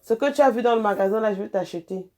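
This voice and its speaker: A woman with a Cameroonian French accent chatting casually as a vlogger, animated and teasing, with sing-song repetition. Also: medium pitch, quick pace. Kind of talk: casual chat.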